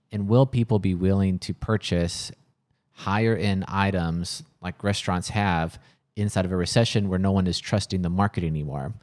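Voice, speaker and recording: Worried and frustrated, a man who owns a coffee shop speaks earnestly yet casually to camera for his personal vlog, occasionally groping for words. He has a low-pitched, darkish voice.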